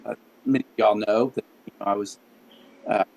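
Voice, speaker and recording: A man's voice: on the low side, steady tone, a little fast, creaky, darkish tone, rough recording. An older man with a Texan accent, speaking hesitantly with fillers over a video call whose audio keeps glitching and cutting out. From Texas. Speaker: participant sharing his story. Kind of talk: casual personal account.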